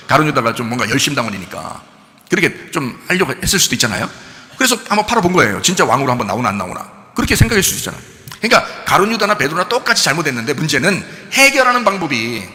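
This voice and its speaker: A man preaching from the pulpit, retelling a story with quick, lively delivery and a wide-ranging pitch. His voice is bright and forward. It rings with the long reverb of a church sanctuary. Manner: animated storytelling, switching between plain speech and polite address. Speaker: pastor. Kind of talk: sermon.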